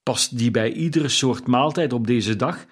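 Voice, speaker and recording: A man's voice: mid-range voice, unhurried, slightly rough. A man voicing old Scrooge, a miserly old man, in a raised, probing and indignant voice for an audiobook reading. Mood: questioning, indignant.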